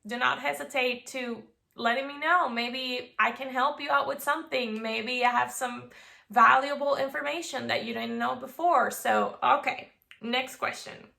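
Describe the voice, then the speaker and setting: A woman's voice: high-pitched, steady tone, measured pace, vocal fry, bright, forceful tone. A woman in her twenties from Venezuela, chatting casually to camera as a vlogger, bubbly with playful asides. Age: 20s.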